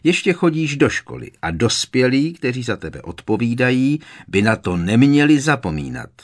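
Guy reading a worked-up mom character, high and shrill, pleading and scolding, lively voice. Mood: indignant. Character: anxious protective motherly woman, scolding. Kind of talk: audiobook character voice.

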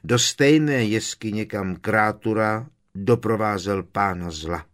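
A man voicing a frail, cowed old male house-elf who croaks and speaks of himself in the third person. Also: on the low side, fairly bright tone, lightly acted. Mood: fretful.

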